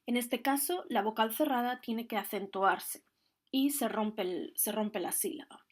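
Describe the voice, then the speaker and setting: A woman's voice: a little high, measured pace. A woman teaching a grammar lesson, explaining the rules patiently and carefully, one step at a time. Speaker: Spanish teacher.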